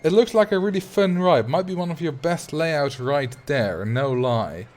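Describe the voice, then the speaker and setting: Faint music plays behind a Dutch livestreamer raised in Drenthe as he rambles casually through a game. A native Dutch speaker with a mild but noticeable accent, he has a slightly high, animated, darkish voice and speaks a little slowly.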